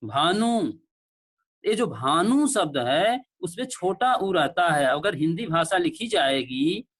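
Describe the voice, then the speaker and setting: Male lecturer on an online call, high voice, patient and repetitive, checks that students can hear. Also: big pitch swings, fairly bright tone, slightly rough. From India. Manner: explains slowly with repeated examples. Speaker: teacher. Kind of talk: online class lecture on pronunciation.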